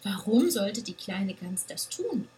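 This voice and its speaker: A caring mother goat speaks slowly and patiently , voiced by a woman reading aloud, her lower tone soothing. She sounds calm and warm-hearted, like a parent in a bedtime storybook. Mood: gentle.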